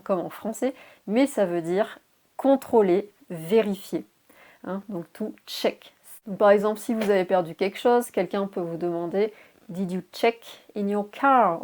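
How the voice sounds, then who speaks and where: A young woman teaching English in a casual video lesson, spelling words letter by letter and adding little fillers, her voice a bit worn as she clears her throat. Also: medium pitch, mellow.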